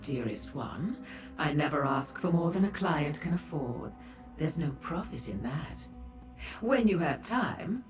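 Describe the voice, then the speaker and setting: An actress playing a flirtatious, theatrical madam of a pleasure house in a fantasy video game, gushing coyly with drawn-out endearments. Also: female voice, lowish voice. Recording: roomy echo with music behind.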